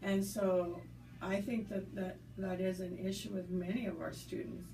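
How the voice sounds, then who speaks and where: There's vocal fry in this woman's mid-range, level-toned voice as she talks at normal speed. Born in the United States and working on a school staff, she's being interviewed conversationally and answers thoughtfully and earnestly, with fillers and restarts. Faint background noise and a distant mic give the recording a roomy feel.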